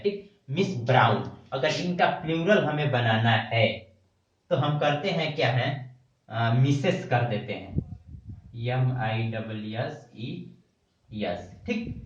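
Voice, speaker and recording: A man teaching English grammar in a lecture video. He spells words out letter by letter and keeps checking in with a repeated "okay". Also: medium pitch. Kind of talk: classroom-style video lecture. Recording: echoey room, distant mic, dull lo-fi sound.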